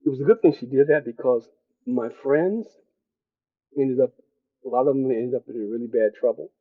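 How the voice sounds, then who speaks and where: An older man from Detroit, a guest who reflects on his upbringing in an unhurried, storytelling way, with frequent chuckles. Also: mid-range voice, dry recording, phone-quality sound. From Detroit, USA. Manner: reflective storyteller, chuckles often, restarts phrases. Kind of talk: relaxed career interview.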